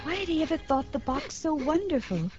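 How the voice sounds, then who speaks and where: A woman's voice: sits high, sing-song, brisk. Woman narrating on an old broadcast disc. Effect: old broadcast disc recording. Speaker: storyteller and show host. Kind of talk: children's radio story narration. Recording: dull lo-fi 1950s radio transcription with music.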